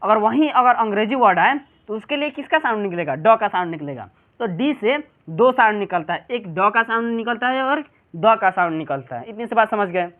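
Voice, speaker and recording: A man's voice: high voice, lively intonation, brisk. A male teacher with a Bihari Hindi accent giving a classroom pronunciation lesson, who keeps asking his students questions and answering them himself. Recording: tinny phone-like sound.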